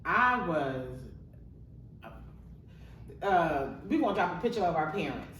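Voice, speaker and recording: A woman's voice: fairly low pitch, very animated, a little slow, fairly bright tone, distant mic. A woman co-hosting a podcast in laid-back, slangy banter, laughing often. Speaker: podcast co-host. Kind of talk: casual chat. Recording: echoey room from off mic.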